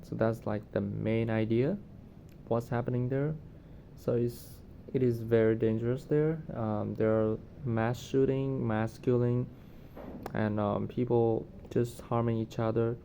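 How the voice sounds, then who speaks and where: A man's voice: steady tone, a little slow, vocal fry, warm tone. A man giving casual, unscripted commentary on current events, hesitant and often searching for words. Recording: noticeable low rumbling background noise.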